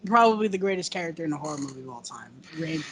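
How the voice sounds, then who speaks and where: A guest on a casual movie chat over a video call, talking excitedly, laughing often and acting out quoted lines. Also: mid-range voice, racing.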